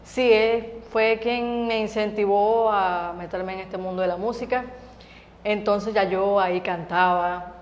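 A young woman from Venezuela talks about her music in a relaxed, lively way, laughing between phrases. Her voice sits in a middle range. The sound is a little dull and carries a long studio reverb. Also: mid-range voice, measured pace, slight background noise. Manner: lively, laughs often, many fillers. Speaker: singer, interview guest. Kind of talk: casual interview chat. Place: TV studio set.

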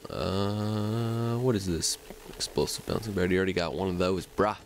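A man's voice: sits low, fairly even intonation, moderate pace, slight background noise, low-quality recording. A man talking over a video game he is playing, rambling along with lots of fillers, his nose a little stuffy. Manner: rambling, self-chatting, many fillers. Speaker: gaming commentator. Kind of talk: let's play commentary.

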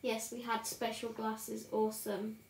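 A woman's voice: a little high, monotone, measured pace, vocal fry, a little mellow. A woman in her thirties chatting casually and giggling as she colours during a livestream and greets viewers by name. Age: 30s. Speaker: livestream host colouring on camera. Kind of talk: casual chat while colouring. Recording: roomy home room with faint noise.

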